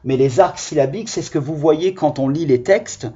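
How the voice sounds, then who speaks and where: A man teaching young children in a recorded lesson, patient and encouraging, stretching out the key words slowly. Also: a little high, warm tone, husky, dull audio. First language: French. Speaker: primary school teacher.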